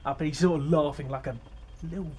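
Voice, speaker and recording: A man's voice: a little high, fairly even intonation, quick pace, dark tone, a little hiss or hum. A man giving a casual, rambling overview of an episode as host of his fan series, full of fillers and restarts.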